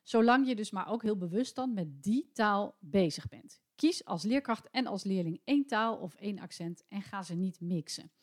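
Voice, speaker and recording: A woman's voice: mid-range voice, animated, normal speed, hardly any pauses. Chatty woman in her forties. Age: 40s. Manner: chatty and opinionated, with frequent hesitations. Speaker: podcast host and English teacher trainer. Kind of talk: solo podcast talk.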